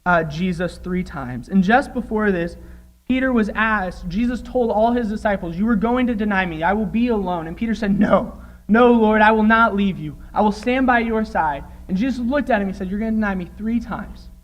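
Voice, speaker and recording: A man's voice: high-pitched, fairly quick, low-quality recording. A young man preaching a sermon in church, reading scripture aloud and retelling it earnestly. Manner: earnest, acts out quoted voices while retelling.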